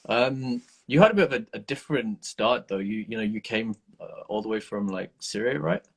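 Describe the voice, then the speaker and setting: A man's voice: on the low side, animated, normal speed, creaky, husky. A man hosting a podcast, chatting in an easygoing way with lots of loose hedges. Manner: easygoing, hedging with fillers. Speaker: podcast host. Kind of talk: casual podcast chat.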